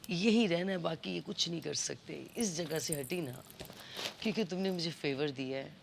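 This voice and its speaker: A woman's voice: low voice, normal speed, vocal fry. A woman contestant with a Pakistani Urdu accent, coaxing and confiding, mixing in English phrases. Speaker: reality show contestant. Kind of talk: casual argument and scheming. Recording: noisy reality show floor audio.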